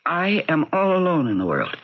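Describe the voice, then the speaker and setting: Dull old radio drama sound, young lady, low swooping voice, self-possessed, lonely, wry. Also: very animated, moderate pace. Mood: guarded, curt.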